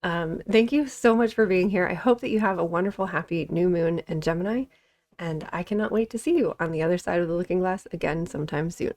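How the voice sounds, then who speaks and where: A woman hosting a casual astrology update, chatty and excitable, often restarting and correcting herself mid-sentence. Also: fairly low pitch, brisk. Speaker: astrology channel host.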